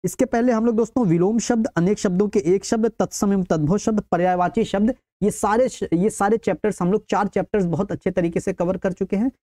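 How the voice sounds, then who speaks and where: A woman's voice: medium pitch, steady tone, fairly quick, hardly any pauses, dark tone. A woman teaching an online exam-prep lesson. She calls her viewers friends, repeats each answer and keeps checking with "okay". She keeps flagging points as important to remember. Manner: stresses what is important and tells viewers to keep it in mind.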